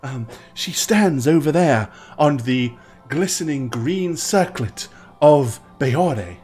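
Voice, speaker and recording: A game master voicing a timid, courteous nature-worshipping nun who speaks in halting, formal phrases for a tabletop game. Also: mid-range voice, animated, a little mellow, husky, soft background music. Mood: hesitant, polite. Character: timid, polite, hesitant young nun of nature goddess.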